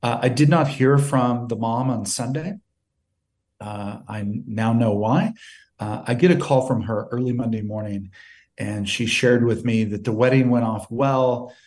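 A nonprofit CEO, speaking as an interview guest, tells an emotional story in an earnest way, acting out both sides of past conversations through quoted exchanges. His medium-pitched voice is a little mellow and his pace is measured.

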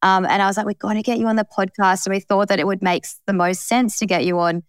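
A woman's voice: medium pitch, fairly even intonation, fast talker, smooth, dry recording, studio quality. A woman, co-hosting a podcast in a casual, effusive, informal way. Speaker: podcast co-host.

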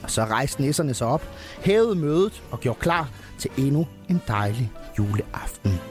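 A man's voice: mid-range voice, animated, music in the background. A man, a comedian, telling a comedic story and chatting about it. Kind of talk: comedic storytelling and casual chat.

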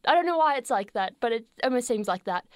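A young Australian woman co-hosting a radio show in a studio, chatting casually with a playful, sarcastic humour and quick laughs. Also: on the high side, expressive, no room sound. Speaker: radio co-host.

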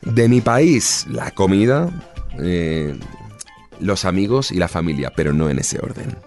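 An actor from Spain in his thirties, speaking with a Spanish accent, answers interview questions over soft background music. His low, slightly mellow voice is expressive and measured, and he's easygoing and chatty, frequently restarting his sentences.

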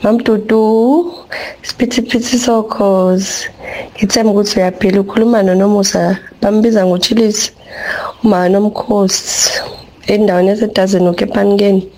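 A woman's voice: mid-range voice, steady tone, a little fast, dark tone, poor audio. A woman with a Zulu accent leaving a casual, chatty message as a radio listener.

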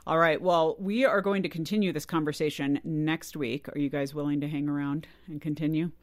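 A man's voice: a little high, fairly even intonation, a little fast, no echo. Upbeat male podcast host, dry studio. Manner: upbeat, affirming listener. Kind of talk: podcast hosting.

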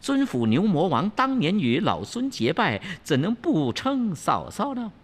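孙悟空, a storyteller's high brash monkey. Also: wildly swooping pitch, measured pace, heavily acted. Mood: indignant. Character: cocky Monkey King, brash and fast-talking. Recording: long hall reverb, faint ambience.

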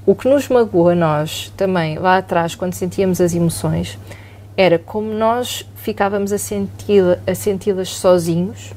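A middle-aged woman psychologist with a European Portuguese accent, calmly explaining and often checking in with tag questions. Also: lowish voice, normal speed, slight background noise. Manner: calm, explanatory, often asks "não é?". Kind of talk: explanatory podcast talk.

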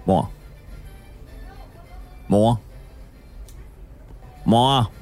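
Meek, gravelly-voiced son. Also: male voice, sits low, lively intonation, faint music behind. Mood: timid. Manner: hesitant, halting. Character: meek timid adult son, slow and dazed. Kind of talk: comedy radio sketch.

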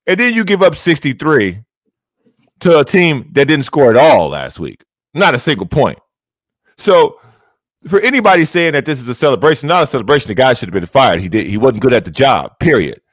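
A man's voice: medium pitch, very animated, brisk, dry recording. A man co-hosting a sports talk show, arguing emphatically and repeating his points, heard through an overloaded, distorting laptop microphone. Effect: distorted, overloaded laptop mic. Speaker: sports radio co-host. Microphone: laptop microphone, too close.

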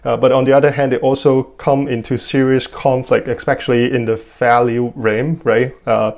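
A man's voice: medium pitch, level tone, normal speed, darkish tone, lo-fi sound. A man in his twenties with a Hong Kong accent, giving thoughtful interview answers with many fillers and "right?" tags. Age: 20s. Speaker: guest.

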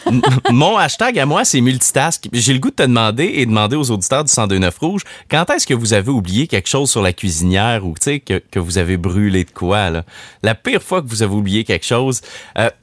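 A man's voice: mid-range voice, a little fast, no room sound. A man with a Québécois French accent, hosting a radio show in casual, playful banter. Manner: playful, animated. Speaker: radio host. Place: radio studio. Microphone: studio mic.

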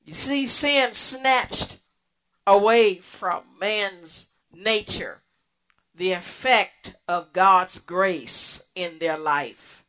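A woman hosting a radio ministry program, preaching in a slow, earnest way with pauses and restarts. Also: mid-range voice, fairly bright tone. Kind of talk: sermon.

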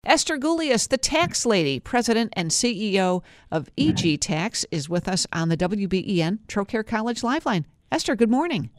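A woman's voice: mid-range voice, very animated, normal speed, hardly any pauses, dry recording. A woman hosting a live radio news interview, asking questions into a studio microphone.

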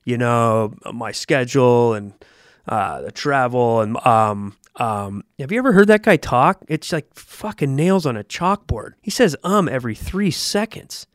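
A man co-hosting a golf podcast, talking in a blunt, profane, animated way. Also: mid-range voice, a little slow, no echo, studio quality. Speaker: podcast co-host. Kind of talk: casual chat.

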